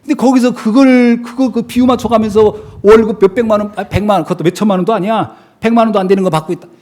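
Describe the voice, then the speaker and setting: A middle-aged man preaching a sermon as pastor in a church, animated and storytelling, with emphatic repetition and frequent laughter. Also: high voice, fast. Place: church sanctuary.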